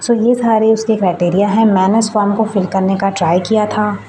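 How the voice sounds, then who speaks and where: A young woman explains a scholarship form in a casual vlog, her voice mellow and soft-edged. She reads lines out slowly, then restates them in Hindi. A faint hiss sits under the recording. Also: mid-range voice, steady tone, low-quality recording. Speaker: student vlogger.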